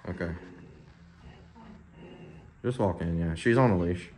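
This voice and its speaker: A man working as a dog trainer, coaching an owner in a relaxed, explanatory way with many "like" and "right?" checks. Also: low-pitched, a little slow, background noise. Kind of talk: casual instruction. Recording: very echoey room, mic at a distance.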